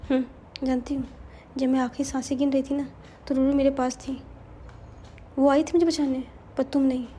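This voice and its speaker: A murdered young woman's ghost pleads in a high, soft voice, stammering as she insists she did no harm, as a woman storyteller puts her on. The tone is mellow and dark. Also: little pitch movement, normal speed, a little hiss or hum, lightly acted. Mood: insistent.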